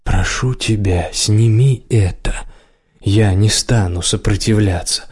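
A hoarse, strained young magician begs through pain in a low-pitched voice, as a male audiobook reader puts him on. His pleas come out desperate and raw, climbing higher as he pushes. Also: slow pace, darkish tone. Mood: desperate pleading. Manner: desperate, pleading.

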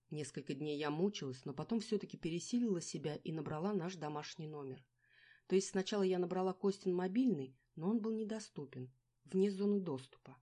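A woman reading a novel aloud in the first person, with a steady, measured delivery. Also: on the low side. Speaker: audiobook narrator. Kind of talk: first-person scripted narration.

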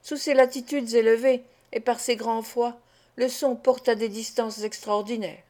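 A sly, scheming sailor, read aloud by a woman. He talks in a dismissive, lecturing tone. His voice is pitched slightly high. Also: steady tone, moderate pace, a little mellow, lightly acted.

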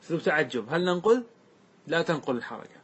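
A man teaching a classroom grammar lesson, slowly repeating word forms and often checking that his students follow. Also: on the high side, expressive, breathy edge. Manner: asks students frequent check questions; repeats words slowly to show their forms.

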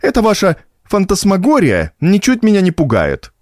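A man's voice: high-pitched, huge pitch swings, moderate pace, darkish tone, no echo, studio quality, voice pushed up. A man doing a blustering, scared giant. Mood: defensive. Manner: blustering, sarcastic. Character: giant former postmaster, defensive, scared.

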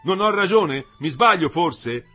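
A man's voice: fairly high pitch, animated, a little slow, sharp tone, soft background music, pitched above the performer's own voice. A man voicing Metello, a harsh young worker. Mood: angry. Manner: raised, accusing delivery.

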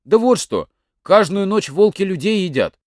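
A man's voice: high-pitched, expressive, normal speed, no room sound, studio quality, pitched above the performer's own voice. A man voicing a sly young village lad in a folk tale, bold and cheeky.

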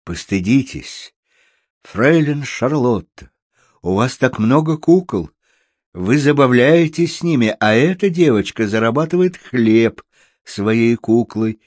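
A man voicing a gentle young man who speaks quietly and reproachfully. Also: mid-range voice, lively intonation, slow pace, dry recording, clean studio sound. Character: gentle young dark-haired man, calm.

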